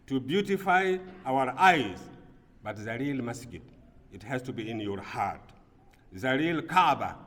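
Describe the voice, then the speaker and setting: A man from Burkina Faso delivers a Friday sermon in an earnest preaching voice of middling pitch. His delivery drops low and quiet, then rises into emphatic bursts. The long reverb of a large mosque hall trails behind each phrase. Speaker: imam.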